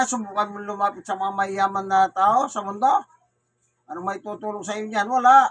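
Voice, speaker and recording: A man's voice: high voice, sharp tone. A man with a Filipino accent gives a Bible sermon to a neighborhood crowd, often asking questions and answering them himself. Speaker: preacher. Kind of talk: street Bible preaching. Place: neighborhood gathering in Manila.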